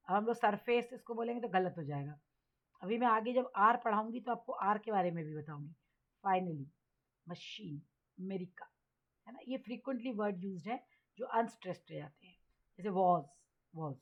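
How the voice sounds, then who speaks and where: A woman with an Indian accent teaching English pronunciation to beginners, repeating words slowly and talking to viewers as children. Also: mid-range voice, muffled recording. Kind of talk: classroom-style lesson for beginners.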